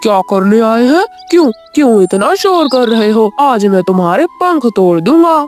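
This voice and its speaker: A woman's voice: a little high, very animated, moderate pace, a little mellow, soft background music. A woman voicing a short-tempered male crow who scolds and threatens the neighbor's chicks in a cartoon. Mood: angry. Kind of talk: cartoon voice acting.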